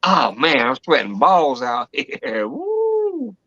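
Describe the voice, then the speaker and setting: A man's voice: fairly high pitch, huge pitch swings, slow pace, pushed and bright, no room sound. A man chatting casually, rambling on and laughing often. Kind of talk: casual chat. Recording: dry, muffled sound.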